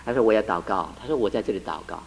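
Racing along at a fairly low pitch, a man preaches a sermon in which he retells a couple's exchange, shifting tones and driving toward emphatic climaxes. The audio is poor, with slight background noise.

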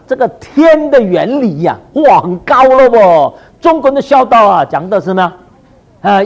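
A man preaching a sermon, animated and full of rhetorical questions to his listeners, with short English phrases dropped in. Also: extremely high pitch. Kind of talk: sermon to a congregation.

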